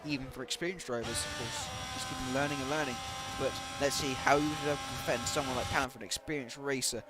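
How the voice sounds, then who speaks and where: A man's voice: medium pitch, fairly quick, heavy background noise. Hesitant man commentating a sim race. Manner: hesitant, many fillers. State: losing his voice.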